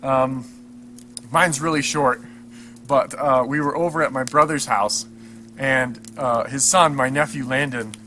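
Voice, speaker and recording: A man's voice: mid-range voice, a little slow, slight background noise. A man hosting a camping vlog, telling a story by the fire in a casual, chatty way outdoors at a winter campsite. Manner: chatty, animated when telling stories. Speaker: channel host.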